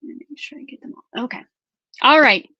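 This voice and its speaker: A woman's voice: high-pitched, quick pace, bright, forceful tone, husky, dry recording, lo-fi sound. A woman hosting a craft live stream in casual chat. She reads out viewer names and questions in an upbeat way.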